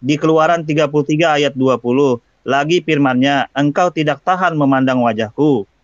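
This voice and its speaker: A man's voice: on the high side, no echo. Challenging man on a dull call line. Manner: challenging, halting restarts. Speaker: questioner in debate. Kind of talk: online debate on Bible verses.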